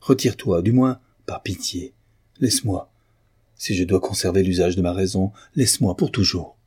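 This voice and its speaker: A remorseful aristocratic father from a classic novel, torn by guilt and speaking in tormented outbursts, as a male narrator puts him on. The voice is very low and dark with a husky grain. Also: moderate pace. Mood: furious. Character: anguished remorseful aristocratic father, older man.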